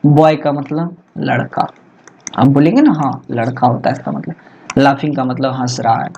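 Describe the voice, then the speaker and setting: A man tutoring students in a lesson, chatty and asking rhetorical questions, slowing down to dictate English phrases. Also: medium pitch, creaky, darkish tone, dull audio, slight background noise. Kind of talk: Hindi-English exam lesson. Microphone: laptop recording.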